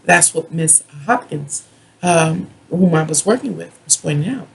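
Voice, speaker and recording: This US tarot reader has a raspy, husky, medium-pitched voice that frequently sinks into gravelly fry. What she offers is a meandering monologue reading, a self-professed drunken rant full of stops and starts, stretched-out words, and repeated points.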